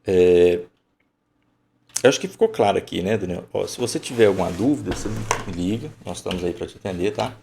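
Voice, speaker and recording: A man's voice: low-pitched, animated, brisk, gravelly, mellow, slight background noise. A man teaching an online lesson, emphatic and colloquial, thinking aloud as he explains.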